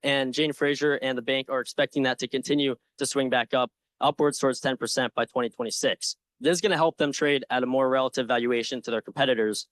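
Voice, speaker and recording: A young man confidently and earnestly giving a prepared investment pitch with slides, with some informal asides. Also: steady tone, fast talker, few pauses, a bit bright, no echo. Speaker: presenter in a stock pitch competition.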